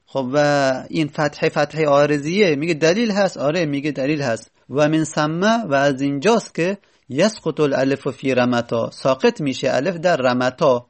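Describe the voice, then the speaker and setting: A man giving a grammar lesson, patiently repeating word forms and slowly dragging out their syllables. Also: fairly high pitch. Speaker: teacher.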